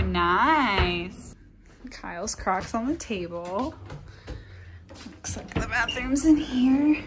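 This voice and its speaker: A young woman vlogs on the move, chatting cheerfully into a handheld camera or phone as she travels between car and outdoors. Her medium-pitched voice is upbeat and full of fillers. The recording is noisy, with car sound throughout.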